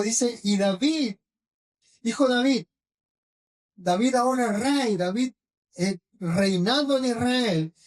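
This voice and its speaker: A woman's voice: on the high side, a little mellow. A woman preacher with a Rioplatense accent, retelling scripture in a sermon and often checking in with her listeners through short questions. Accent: Rioplatense Spanish. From Argentina. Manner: checks in with the congregation with frequent tag questions; retells scripture slowly, with pauses and fillers. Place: church hall. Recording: voice from a distance.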